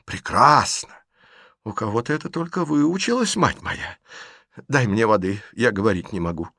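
Man reading as a fiery elderly aunt, scolding, blunt, gravelly, dry studio read. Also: lowish voice, lively intonation, moderate pace, pushed and bright, no room sound, heavily acted. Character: fiery, sharp-tongued elderly aunt, a woman.

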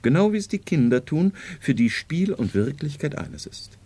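A calm, learned doctor in a 1970s radio drama. His husky, mellow voice moves up and down lively as he lectures. He explains everything with patient self-assurance. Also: on the high side, normal speed, no echo. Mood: lecturing.

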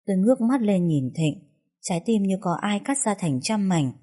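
A woman narrating a first-person story in a soft, sorrowful way. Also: medium pitch, animated, moderate pace.

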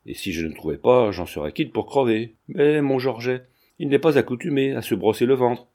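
A man's voice: medium pitch, expressive, fairly quick, dark tone, natural voice. A man reading a ruined fairground clown in his forties, coarse and plaintive. The speech is slangy and grumbling, in an ordinary mid-range voice. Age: 40s. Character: poor middle-aged fairground clown, coarse and lamenting.

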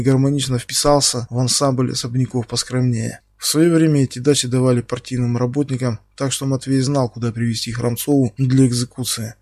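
A man reading a dark crime novel aloud as scripted narration. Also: mid-range voice, no room sound, studio quality. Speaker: audiobook narrator.

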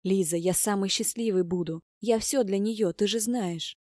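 A woman's voice: medium pitch, moderate pace, darkish tone, dry recording, clean studio sound, lightly acted. A woman voicing a stubborn, anxious young man who is about to become a father. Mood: overjoyed.

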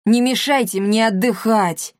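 A woman's voice: fairly high pitch, measured pace, no echo, lightly acted. A lazy, boastful man grumbles and protests indignantly, as a woman reader puts him on. It sounds like a storybook reading with a dry, close voice. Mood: grumpy.

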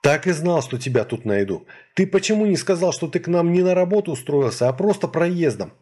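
A man with a husky voice reading an audiobook, voicing a grumpy, nervous, quick-tempered talking wolf who grumbles indignantly. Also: on the high side, expressive, darkish tone, pitched above the performer's own voice. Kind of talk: audiobook character voice.

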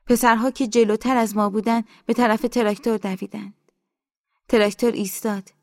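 A woman narrating an audiobook in a soft, hushed, inward way, recorded on a studio mic. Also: on the high side, fairly even intonation, dry recording.

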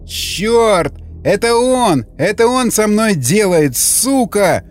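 A man's voice: medium pitch, big pitch swings, moderate pace, darkish tone. A man voicing a frantic post-apocalyptic survivor. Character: Vasnetsov, a desperate man, male stalker losing his mind.

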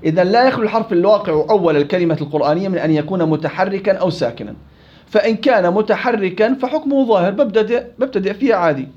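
A man's voice: high voice, expressive, very fast, darkish tone, dull audio. A man teaching Quran recitation rules in a classroom lecture, explaining rules and quizzing his students.

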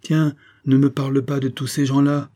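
A man's voice: mid-range voice, completely flat delivery, normal speed, dark tone, voice pushed up, lightly acted. A man reading an audiobook, voicing a fussy middle-aged female servant who dotes on and scolds the girl she raised. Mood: scolding. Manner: scolding, doting. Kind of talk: audiobook character voice.

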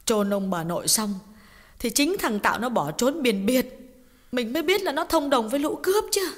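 A woman voicing a grieving middle-aged mother in an audiobook drama, telling a painful story in a tearful, halting way with repeated words. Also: a little high, animated. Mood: bitter. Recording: long reverb with background music.

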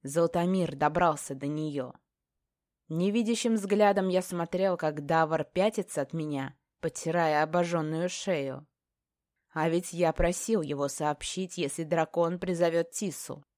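Low-voiced woman narrating a fantasy audiobook. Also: unhurried, darkish tone, no room sound, studio quality.

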